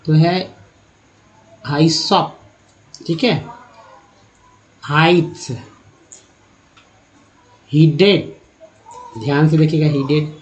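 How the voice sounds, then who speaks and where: A man teaching English reading and pronunciation in a spoken lesson, slowly spelling out words letter by letter and repeating them. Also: on the high side, fairly even intonation, rough recording. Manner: slow, repetitive, spells out letters one by one.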